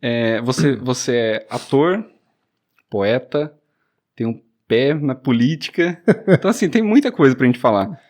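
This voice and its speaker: A man's voice: mid-range voice, lively intonation, a little slow, darkish tone. A man hosting a podcast, asking questions in a friendly, chatty way. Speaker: podcast host. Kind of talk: casual podcast interview.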